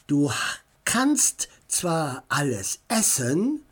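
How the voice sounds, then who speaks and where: A woman's voice: sits low, big pitch swings, very slow, slightly rough, heavily acted. A woman voicing a teasing, tough older brother in a read-aloud children's story.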